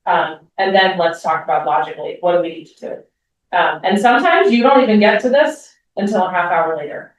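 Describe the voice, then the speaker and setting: A woman's voice: medium pitch, highs cut off, slight background noise. Woman, school presenter, conversational with ums and restarts, distant mic, very echoey room. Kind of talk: parent talk.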